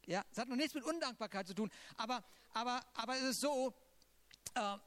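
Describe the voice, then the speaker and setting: A man with a rather high voice preaches a sermon. He talks loosely and conversationally, with a playful humor, as if thinking aloud. His voice stays light and high. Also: fairly quick, a bit bright.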